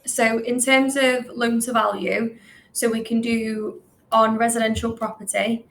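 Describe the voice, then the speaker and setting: Fast-talking woman with a gravelly, flat voice. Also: on the high side, a little hiss or hum, low-quality recording. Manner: talks very quickly, with frequent fillers. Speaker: finance business development manager. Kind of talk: webinar presentation and Q&A.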